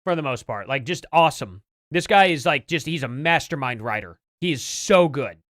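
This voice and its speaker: An American livestream host rambles casually and informally to viewers, reacting to clips and news. His mid-range voice has lively intonation and a bit of brightness at a normal speed, with clean studio sound and no room echo.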